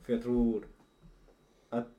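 A man's voice: mid-range voice, completely flat delivery, muffled recording, a little hiss or hum. A man in a casual podcast chat, speaking candidly and reflectively about his feelings. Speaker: podcast co-host.

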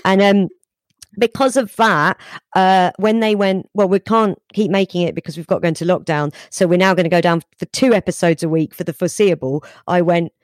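A woman's voice: fairly low pitch, normal speed, no echo, studio quality. A woman comedian chatting casually as a podcast guest, wry and self-deprecating. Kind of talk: casual chat.

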